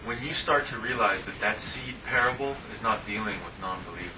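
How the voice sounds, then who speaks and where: A man's voice: fairly low pitch, brisk, sharp tone. A man in a group discussion, blunt and agreeable. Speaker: discussion participant. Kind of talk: casual discussion. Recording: distant, noisy room mic.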